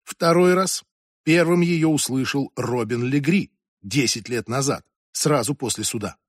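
A man reading a novel aloud as audiobook narrator, in an even, measured way. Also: mid-range voice, no room sound, studio quality. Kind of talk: scripted narration.

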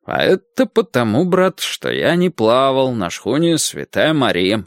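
A man reading the part of a kindly doctor who talks to a boy in a slow, familiar, fatherly way. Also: mid-range voice, very animated, dry recording, studio quality. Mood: friendly.

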